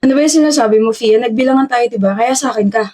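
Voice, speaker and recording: A woman with a Filipino accent playing an aloof, serious teenage schoolboy in a comedy skit, speaking curtly and deadpan. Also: on the high side, racing, pitched below the performer's own voice, natural voice.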